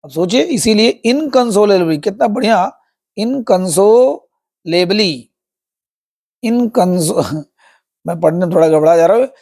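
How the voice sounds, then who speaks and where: A man's voice: high voice, expressive, unhurried, pauses often, darkish tone. A man teaching English through a story. He explains each word and meaning, repeats himself, and addresses viewers as friends. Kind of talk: Hindi-medium English lesson explaining a story.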